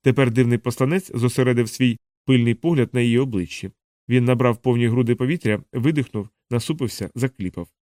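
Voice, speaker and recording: A man narrating an audiobook in a measured, steady reading voice, close to the mic. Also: medium pitch, dry recording. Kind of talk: scripted narration.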